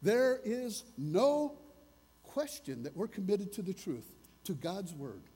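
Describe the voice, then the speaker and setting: High voiced pastor guy preaching, earnest, kinda husky, big reverb. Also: very animated, takes it slowly, mellow. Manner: earnest, conversational preaching with rhetorical questions. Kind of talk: sermon.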